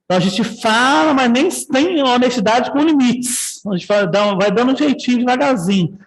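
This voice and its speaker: High-voiced Brazilian man teaching online. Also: expressive, normal speed, in a large hall, rough recording. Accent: Brazilian Portuguese. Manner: conversational, often checks in with "tá?" and "entendeu?". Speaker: nursing ethics teacher. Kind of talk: online class lecture.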